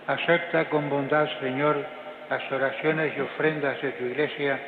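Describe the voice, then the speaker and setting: A man, a priest, intoning the prayers of Mass with a cathedral echo, in a solemn, measured way. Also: medium pitch. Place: large church. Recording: tinny phone-like recording of a cathedral with long echo and background noise.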